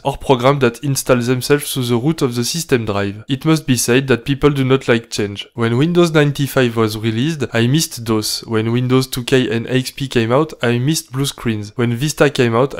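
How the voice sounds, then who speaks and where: Deadpan man with a French accent. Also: mid-range voice. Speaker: narrator. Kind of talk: scripted satirical narration.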